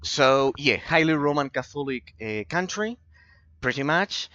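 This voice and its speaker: A man's voice: on the high side, expressive, measured pace, pushed and bright, no room sound, highs cut off. A man from Argentina, streaming a game while answering chat and rambling about philosophy, often repeating himself. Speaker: gaming streamer. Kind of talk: casual commentary while gaming, replying to chat.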